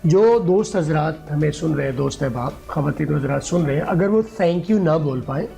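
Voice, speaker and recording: A man's voice: fairly high pitch, lively intonation, moderate pace, gravelly, dark tone, soft background music. A man teaching an English pronunciation lesson, patiently repeating words and phrases for his students.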